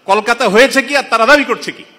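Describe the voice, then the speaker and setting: A man's voice: extremely high pitch, racing, pushed and bright. A man preaching in an indignant, rhetorical way, calling his listeners brothers, from Bangladesh. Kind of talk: impassioned sermon-style commentary. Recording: long reverberant hall sound.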